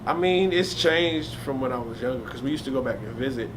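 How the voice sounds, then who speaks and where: A man's voice: mid-range voice, animated, fairly quick. A young man, a hip hop artist, telling stories about his life in a casual, slangy, laid-back way during an interview. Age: young adult. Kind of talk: casual storytelling. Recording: noisy ambience.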